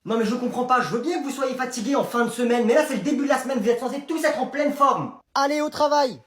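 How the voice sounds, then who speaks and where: A man's voice: very high-pitched, quick pace, reverberant. A man voicing an exasperated female schoolteacher who scolds her tired class. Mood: scolding. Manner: scolding, sarcastic. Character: stern, exasperated female teacher.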